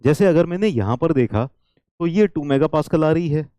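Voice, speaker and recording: A man gives an engineering lesson in a fairly high, very animated voice, mellow rather than bright in tone. He keeps checking with the class, repeats his key points and drops into English now and then. The sound is dry and close. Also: normal speed, no room sound. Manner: switches into English lines. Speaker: teacher. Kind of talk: engineering lecture.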